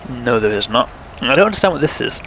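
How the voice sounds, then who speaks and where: Streaming a flight sim, a young man with a sore throat keeps up casual live commentary, thinking aloud and addressing viewers. His mid-range voice is sing-song, quick, and a bit bright, with slight background noise on poor audio.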